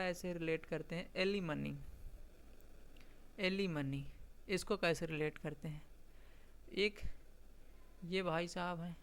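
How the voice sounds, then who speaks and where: A teacher giving an exam-prep vocabulary lesson, explaining patiently, checking often that students follow, and reading English definitions out very slowly. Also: mid-range voice, a bit bright, smooth.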